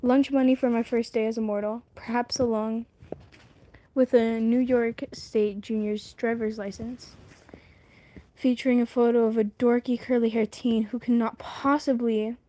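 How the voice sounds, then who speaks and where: Higher-pitched woman reading a novel aloud. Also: flat delivery, moderate pace, warm tone. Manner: stumbles over words and breaks off to comment. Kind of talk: casual read-aloud on a livestream.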